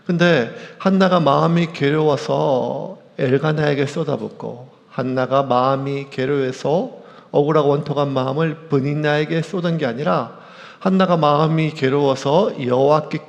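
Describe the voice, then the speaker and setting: Male pastor, lively sermon, gravelly slightly high voice, long hall reverb; acts out voices. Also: a little slow, dull audio. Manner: animated, acts out quoted voices. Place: church sanctuary. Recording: echoey church hall.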